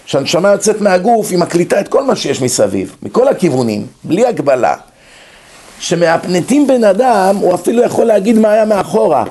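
A man's voice: very animated, dark tone. A man giving a lecture, telling stories and acting out quoted dialogue as he goes. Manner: storytelling, acts out quoted dialogue with shifts in pitch. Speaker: religious lecturer. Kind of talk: lecture on the mind and soul.

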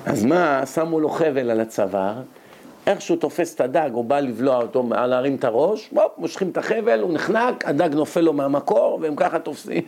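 A man giving a lively religious lecture as a rabbi, rhetorical and animated, his voice jumping up when he scolds. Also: fairly high pitch, creaky. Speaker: rabbi giving a Torah lesson.

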